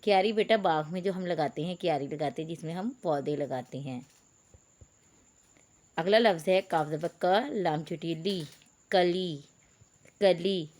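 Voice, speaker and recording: A woman's voice: lowish voice, a little slow, pauses often, a little mellow. Patient woman teacher spelling out letters. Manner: addresses pupils as beta. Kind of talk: online reading lesson for young pupils.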